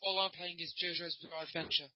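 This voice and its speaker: A man's voice: on the high side, little pitch movement, quick pace, slight background noise. Man tossing dry quips from off-mic. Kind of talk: casual chat. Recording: distant muffled voice.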